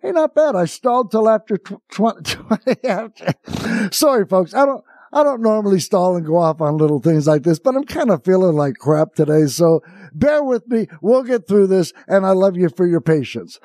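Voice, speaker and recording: A man's voice: high voice, lively intonation, normal speed, dark tone, no echo, clean studio sound. A man hosting talk radio, delivering an exasperated, incredulous comic rant off the cuff, rambling through asides and rhetorical questions. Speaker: radio talk show host.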